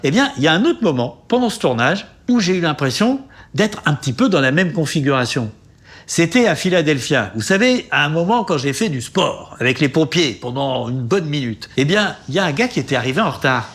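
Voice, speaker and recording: A man's voice: a little high, very animated, brisk, fairly bright tone. A man hosting a travel show, narrating in a casual, chatty way and often laughing.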